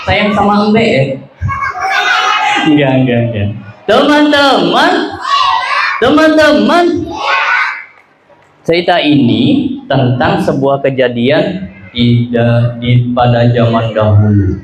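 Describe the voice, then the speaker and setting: A man telling stories to children at a live event, leading playful call-and-response, with sudden shouts and silly voices. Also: mid-range voice, slow pace, long pauses. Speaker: children's storyteller. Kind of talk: lively storytelling for children at an event. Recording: very echoey hall with background noise.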